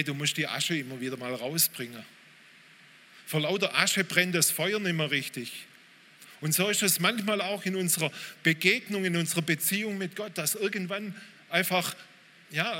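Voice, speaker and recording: A pastor preaching a sermon in a church hall, informal and direct, often calling out to listeners with "hey". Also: male voice, on the high side, bright, forceful tone. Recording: reverberant hall, faint room noise.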